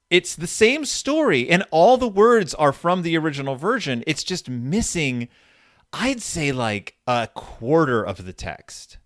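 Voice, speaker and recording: A male podcast host with a fairly high pitch and fairly bright tone talks casually about books, rambling, self-interrupting and eager to explain. The sound is studio quality with no echo.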